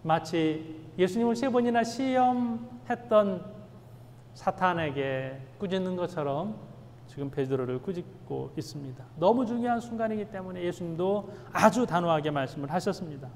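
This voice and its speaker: A male pastor preaching an emphatic sermon in a church sanctuary, swinging between loud stresses and hushed asides. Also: high voice, animated, normal speed, in a large hall, slight background noise.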